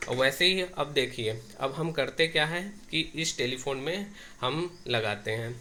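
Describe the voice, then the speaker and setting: In a mid-range, sharp-toned voice at a measured pace, a technician explains each step of a setup while showing it, frequently circling back over his own phrases. The amateur recording is noisy and full of clicks.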